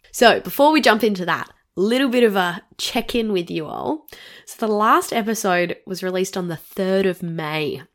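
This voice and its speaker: A woman's voice: on the low side, fairly bright tone. A woman in her thirties with an Australian accent and a nasal voice from a cold, hosting a casual solo podcast with a chatty manner and little laughs between phrases. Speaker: podcast host.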